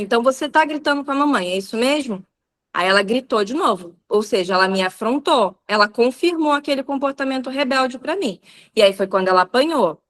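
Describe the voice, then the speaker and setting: Woman, thirties, Brazilian accent, fairly high voice, conversational, storytelling, live parenting talk. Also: fairly bright tone. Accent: Brazilian Portuguese. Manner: conversational storytelling with many fillers. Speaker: parenting speaker. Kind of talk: live talk on child behavior.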